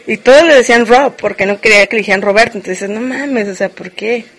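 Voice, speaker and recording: A woman's voice: on the high side, quick pace, fairly bright tone. A woman from Mexico with a Mexican accent, talking in a blunt, slangy casual rant full of fillers and swearing. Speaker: vlogger. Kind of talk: casual ranting monologue.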